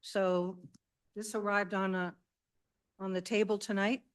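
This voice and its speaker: Woman running a town committee meeting, casual and chatty, mid pitch. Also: little pitch movement, unhurried, smooth. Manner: informal, chatty chairing. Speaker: committee chair.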